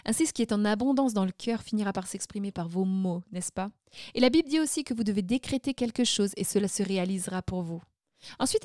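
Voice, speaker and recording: A woman's voice: mid-range voice, warm tone, no room sound, clean studio sound. A woman minister delivering sermon-style teaching, speaking in emphatic, declaring phrases.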